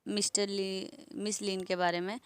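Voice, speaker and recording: A woman's voice: medium pitch, flat delivery, measured pace, noisy background. Chatty woman retelling an anime story. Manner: chatty, laughs along and speaks straight to viewers. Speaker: anime recap narrator. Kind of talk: casual spoken story retelling.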